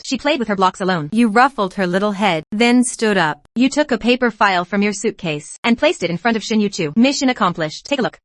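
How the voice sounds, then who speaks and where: A woman reading the narration of a dubbed motion comic in a brisk, even storybook manner. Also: medium pitch, no room sound. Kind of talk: scripted narration.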